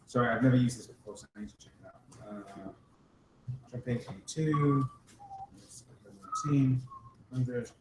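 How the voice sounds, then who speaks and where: A man's voice: mid-range voice, moderate pace. A man playing a tabletop game, mumbling to himself as he reads out the rules. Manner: mumbles while reading rules aloud. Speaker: player. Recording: roomy echo with noise.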